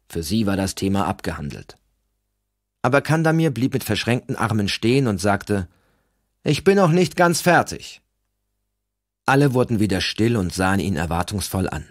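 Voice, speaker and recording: A man narrating a novel in a steady, measured reading. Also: low voice, no echo, studio quality. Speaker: audiobook reader. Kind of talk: scripted narration.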